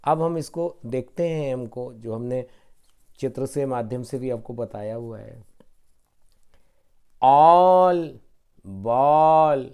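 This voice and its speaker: A man teaching children an online phonics lesson on rhyming words, drilling word lists one at a time in a slow, drawn-out way, with a Hindi accent. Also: medium pitch, mellow.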